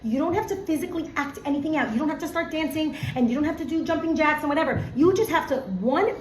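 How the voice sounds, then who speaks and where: A middle-aged woman teaching a casual Torah lesson, animated and full of "like", acting out everyday scenes. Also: sits high, fast talker. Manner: animated, acts out everyday scenes, many fillers of "like". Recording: echoey room, faint background hum.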